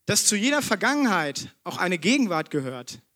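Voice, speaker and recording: A man's voice: sits high, big pitch swings, moderate pace, pushed and bright. A man preaching a sermon in a direct, conversational way, speaking straight to his listeners.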